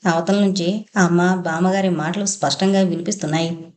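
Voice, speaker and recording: Female narrator for a long-form audio novel: steady, even delivery, mellow and low. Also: a little fast. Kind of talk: scripted first-person novel narration.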